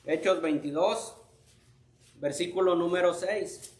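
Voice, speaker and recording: A man leads a church Bible lesson as Sunday school teacher, speaking emphatically in a voice that sits high. He keeps addressing the class as brothers. The sound is roomy and echoey. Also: slow, a little mellow. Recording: roomy echo.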